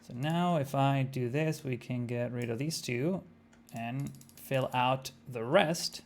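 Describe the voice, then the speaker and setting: A young Argentine man with an Argentine Spanish accent chats casually with viewers while live-streaming a game, thinking aloud and using many fillers. His voice is mid-range and his pace slow.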